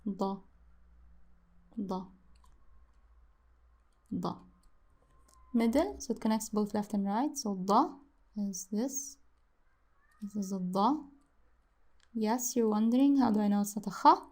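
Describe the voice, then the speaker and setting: A woman's voice: mid-range voice, slow, long pauses, darkish tone. A woman teaching how to write and pronounce letters in a casual lesson, repeating each sound many times and musing aloud as she draws. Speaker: language teacher.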